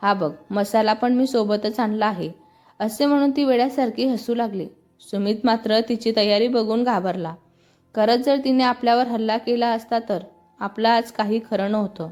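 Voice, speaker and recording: Woman narrating a story over soft music. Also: fairly high pitch. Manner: reads every character in her own voice. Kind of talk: scripted narration with dialogue.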